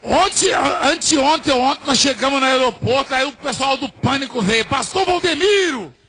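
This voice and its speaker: A middle-aged Brazilian man preaches in a very high, husky voice with a bright, sharp edge. He tells stories from the pulpit, quizzes the congregation, and swings from hushed asides to shouting. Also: normal speed. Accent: Brazilian Portuguese. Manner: rhetorical questions to the congregation. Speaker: pastor. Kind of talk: sermon with personal anecdotes.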